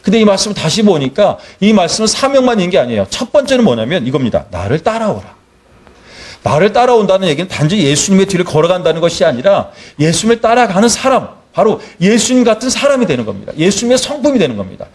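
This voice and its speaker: A man's voice: high-pitched, fast, hardly any pauses. A middle-aged male missionary preaching a sermon, telling a personal story and acting out the dialogue. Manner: animated storyteller, acts out dialogue.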